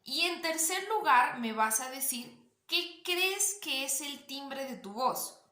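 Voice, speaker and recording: Woman drama teacher, kinda high, nasal, explains stuff and asks you questions. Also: animated, takes it slowly, sharp tone, roomy sound. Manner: explanatory, demonstrates voices, asks the listener questions. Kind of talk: online voice lesson.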